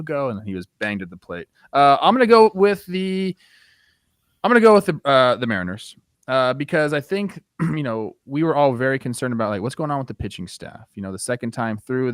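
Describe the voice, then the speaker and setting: Man, sports co-host, medium pitch, casual conversational analysis, informal, dry recording. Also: smooth, no room sound. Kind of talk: casual baseball discussion.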